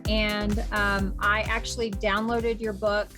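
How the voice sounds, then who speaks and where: A woman's voice: mid-range voice, little pitch movement, takes it slowly, over music. A middle-aged American woman hosting a podcast interview, speaking earnestly with frequent fillers and restarts. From United States. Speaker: podcast host. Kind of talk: casual interview.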